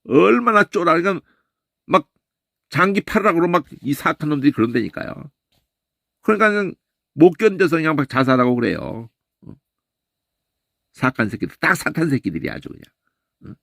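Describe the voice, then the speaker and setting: A man teaching a Bible lesson in an animated way, often tossing in a questioning "eh?" and imitating sounds. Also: on the high side, fairly quick, gravelly, pauses often, no room sound, clean studio sound. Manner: animated, keeps asking "eh?" and mimics voices and sounds.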